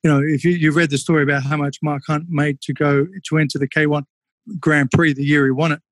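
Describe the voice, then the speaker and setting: Aussie ex-kickboxer telling fight stories, bit high for a guy, swears a lot, dry close sound. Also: little pitch movement, fast, no echo. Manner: candid, swears freely, many fillers. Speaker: guest, former kickboxer. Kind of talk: casual interview storytelling.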